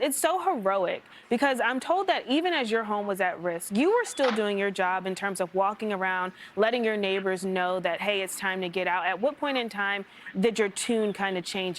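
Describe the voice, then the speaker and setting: Lady doing a news interview, chatty broadcast style, normal pitched voice. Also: moderate pace, hardly any pauses, a little hiss or hum.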